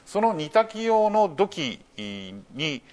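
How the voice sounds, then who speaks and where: A man from Japan lectures to an audience in a hall. His pitch rises and falls in a lively way, and he steps through each point with frequent fillers. He often turns points into rhetorical questions. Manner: measured explanatory delivery with many fillers. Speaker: lecturer on archaeology. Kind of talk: public lecture.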